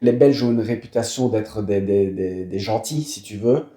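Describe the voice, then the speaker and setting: Un homme originaire de Wallonie avec un accent belge, invité d'une discussion détendue, qui parle avec beaucoup d'hésitations et de répétitions. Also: male voice, on the low side, moderate pace, warm tone, reverberant. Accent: Belgian French. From Wallonia, Belgium. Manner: hesitant, many fillers and repeated words. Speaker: guest. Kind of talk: casual conversation.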